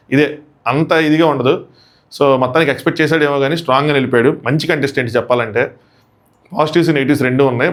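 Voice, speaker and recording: A man chatting casually through a review of a reality show episode, animated and acting out contestants' lines. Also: medium pitch. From India.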